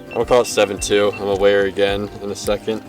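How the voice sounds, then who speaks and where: A young man with a drawl, a bit low-pitched, talking on a boat out on a lake. He's excitable and casual and keeps saying "y'all," picked up by an action camera with music playing underneath. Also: rapid-fire. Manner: excitable, says "y'all" often. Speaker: fishing vlogger. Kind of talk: casual narration and on-the-water commentary. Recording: background music in the mix.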